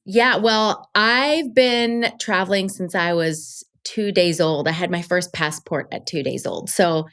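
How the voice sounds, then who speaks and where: Upbeat female podcast guest, slightly low pitch, casual and chatty. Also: measured pace, hardly any pauses, fairly bright tone. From Colombia. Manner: chatty, upbeat storyteller with fillers. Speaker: podcast guest, travel show creator. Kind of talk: casual interview chat.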